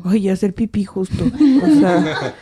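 A woman's voice: mid-range voice, expressive, slow, a crowd in the background. A young woman with a Mexican accent, telling a story in casual podcast chat, acting out quotes and laughing often.

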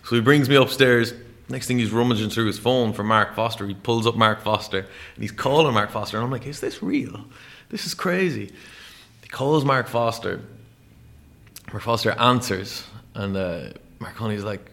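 An Irish musician in his thirties spins a long anecdote. His voice sits low and gravelly, and he rambles along with plenty of filler. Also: normal speed. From Ireland. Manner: rambling, animated storyteller with many "like"s. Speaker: guest, musician. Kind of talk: casual storytelling interview.

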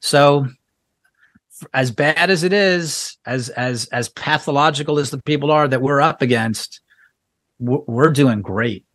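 A man's voice: medium pitch, a little slow, fairly bright tone, no echo. Stammering American man, dry close sound. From United States. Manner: stammering restarts, frequent laughs. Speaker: guest journalist. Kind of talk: casual interview talk.

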